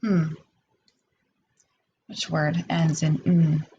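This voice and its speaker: The recording is muffled, with slight background noise, as a woman with a low, level, dark voice teaches phonics to young children remotely. Speaking deliberately, she separates word parts and encourages them with questions.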